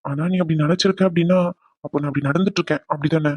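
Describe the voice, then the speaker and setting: A man voicing a hurt, remorseful young husband who talks low and earnestly to his wife. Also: fairly even intonation, very fast, slightly rough, dry recording. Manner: subdued, earnest.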